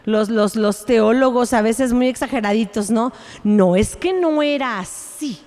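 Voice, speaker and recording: A woman preacher delivers a sermon in an animated, playful way, acting out scenes as she goes. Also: a little high, a little slow, big-room sound. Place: church sanctuary.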